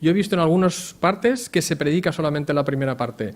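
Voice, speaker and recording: A man's voice: a little high, lively intonation, a little fast. A man preaches in an easy, conversational way, voice sitting a little above the usual male range. He keeps turning to the congregation with questions. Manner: chatty, asks the congregation questions. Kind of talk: conversational sermon.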